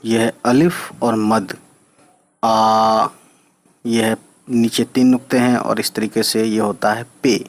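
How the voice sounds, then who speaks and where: A man's voice: fairly low pitch, level tone. A man teaching an Urdu reading lesson, patiently spelling out letters and checking in with his learners. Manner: patient, spells letters out slowly, often asks "right?".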